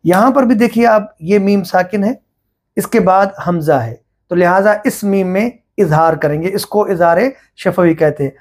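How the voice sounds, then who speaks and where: A middle-aged man teaching Quran recitation rules, explaining each point slowly and step by step. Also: sits high, a little mellow. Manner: slow, deliberate, explaining step by step. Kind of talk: religious lesson on recitation rules.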